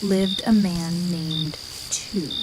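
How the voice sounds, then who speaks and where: A woman narrates a bedtime story in a slow, measured whisper, in an ASMR style. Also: fairly low pitch, steady tone, very noisy.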